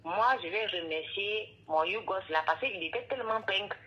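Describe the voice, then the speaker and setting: A woman's voice: medium pitch, normal speed. A woman from Cameroon with an Ivorian accent, calling in by phone and chatting in a rambling way. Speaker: phone caller. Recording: muffled phone line.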